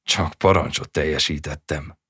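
A man's voice: a bass voice, fairly even intonation, fairly bright tone, breathy edge, no room sound, studio quality, heavily acted. A man reading the part of a mocking, cruel hussar soldier in a taunting tone.

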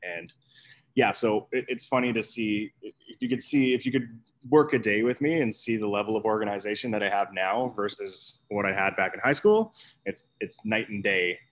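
A man's voice: fairly low pitch, moderate pace. A man, an executive chef, talking casually and rambling with many fillers and restarts. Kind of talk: casual conversational storytelling.

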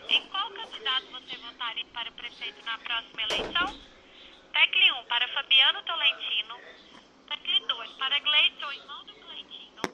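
A young adult woman reading automated phone survey prompts in a measured, even, announcer-like way, heard over a phone line. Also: high-pitched, slight background noise. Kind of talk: recorded phone poll prompts.

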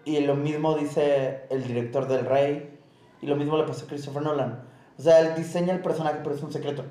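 A young Mexican man co-hosting a casual film chat, animated and slangy, acting out quotes as he talks. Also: fairly high pitch, brisk, roomy sound, low-quality recording. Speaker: podcast co-host.

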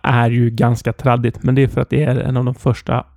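A man co-hosting a casual podcast, brisk and direct and quick to disagree. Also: medium pitch, little pitch movement, vocal fry, darkish tone, no room sound, clean studio sound. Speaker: podcast co-host.

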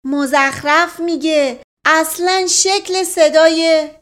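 A woman's voice: sits high, pitched above the performer's own voice. A woman playing a flustered young man. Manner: flustered, hasty. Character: nervous young male cousin, flustered.

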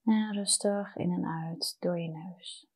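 A woman leads a guided meditation in a slightly low voice. Her delivery is very slow and soft, with long pauses between phrases. The manner is soothing and unhurried. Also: steady tone, breathy edge.

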